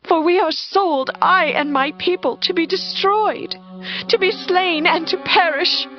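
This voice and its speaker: A woman's voice: extremely high pitch, unhurried, highs cut off, faint music behind. An actress playing a solemn noblewoman of the ancient world, earnest and formal, in a dramatized audio Bible. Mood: pleading. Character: solemn, pleading woman of ancient Persian nobility.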